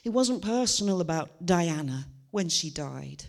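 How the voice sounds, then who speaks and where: A woman's voice: fairly low pitch, lively intonation, unhurried, vocal fry. A woman who was trained as an actor, giving a stand-up monologue to a live audience and moving between chatty asides and theatrical declamation. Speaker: stage performer. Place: stage before a live audience.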